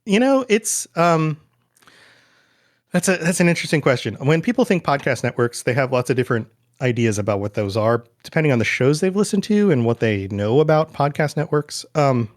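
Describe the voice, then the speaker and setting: A man chatting casually as a podcast guest, relaxed and talkative, often slipping into quoted asides. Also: medium pitch, a little fast. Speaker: guest, podcast network founder. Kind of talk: casual interview chat.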